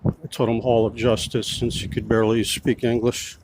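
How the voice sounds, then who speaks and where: An American man films himself outdoors as a self-styled street reporter, narrating a confrontational vlog over background noise. His medium-pitched voice stays level at a moderate pace while he pushes people and repeats his questions.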